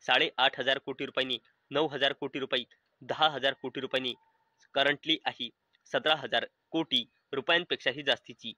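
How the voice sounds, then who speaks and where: A man with a Marathi accent hosting a stock market channel, reading out company figures in a steady scripted explainer and addressing viewers as friends. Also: medium pitch, normal speed, no room sound, rough recording.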